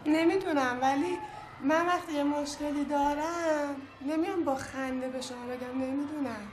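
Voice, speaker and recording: Reflective high-voiced woman, echoey noisy room. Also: fairly even intonation. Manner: reflective, uncertain. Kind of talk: casual chat. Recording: echoey room with background noise.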